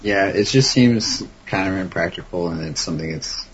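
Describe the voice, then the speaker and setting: A man talking slowly and hesitantly in a casual group call, with many ums. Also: deep voice, slightly rough. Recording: dull lo-fi online call audio.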